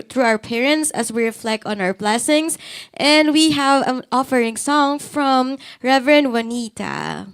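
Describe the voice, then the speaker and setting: A woman hosting a church service, upbeat and cheering as she introduces the next part. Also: high voice. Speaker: service host.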